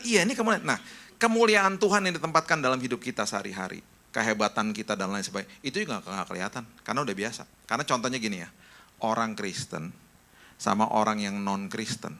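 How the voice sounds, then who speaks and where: A man's voice: fairly low pitch, fast talker, bright, forceful tone. A middle-aged male pastor preaching a sermon, telling stories and acting out the voices of friends and family.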